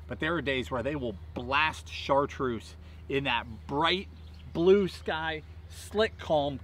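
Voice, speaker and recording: This lakeside tackle tutorial comes from a fishing host in his thirties, seated in a park and speaking in emphatic, rhythmic bursts. His mid-range voice is fairly bright, with a little hiss or hum and faint outdoor ambience.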